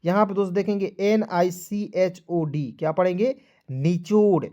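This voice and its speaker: A man's voice: sits high, measured pace, warm tone, lo-fi sound. A male teacher giving a beginners' spelling lesson, repeating each step and coaxing his viewers along as friends.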